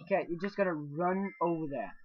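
A man hosting a casual let's play, excitable, swearing and yelping when startled. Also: fairly high pitch, brisk. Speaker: gaming channel host. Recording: dull lo-fi mic.

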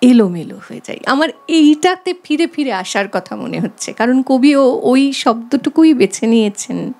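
A woman reciting poems slowly and expressively, with long pauses, then talking about how to recite them. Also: sits high, animated, dark tone. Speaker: guest reciter. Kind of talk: poetry recitation and chat. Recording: long hall reverb with music behind.

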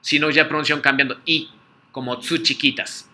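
Guy teaching a class, brightish voice, keeps going "¿sí?". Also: on the high side, steady tone, normal speed. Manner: patient, repeats words for students to echo, frequent "¿sí?" checks. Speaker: Japanese language teacher. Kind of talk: online class drill, call and repeat.

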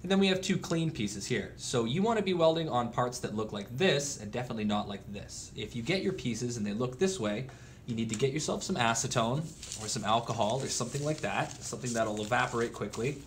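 Relaxed man explaining welding faults. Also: mid-range voice, brisk, slight background noise. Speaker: welding instructor. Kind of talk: instructional demonstration. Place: welding workshop.

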